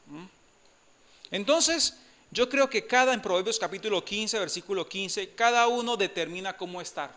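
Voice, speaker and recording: A man preaching a sermon as pastor in a church, animated and calling on the congregation to answer amen. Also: high voice, moderate pace. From Colombia.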